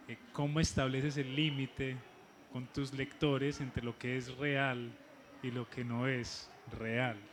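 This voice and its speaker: A man interviewing a writer, asking long, measured questions with hesitant restarts. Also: mid-range voice, a little hiss or hum.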